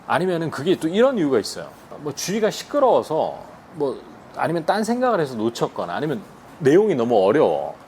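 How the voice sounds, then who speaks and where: Lively Korean man teaching English. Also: on the high side, a little hiss or hum. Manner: lively, chatty, acts out example phrases slowly. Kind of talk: casual video lesson.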